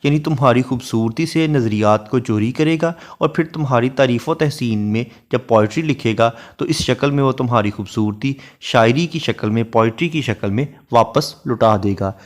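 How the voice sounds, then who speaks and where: Lecturer, male, mid-range voice, careful classroom explanation. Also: medium pitch. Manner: reads English verse lines slowly, then explains in Hindi. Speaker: literature lecturer.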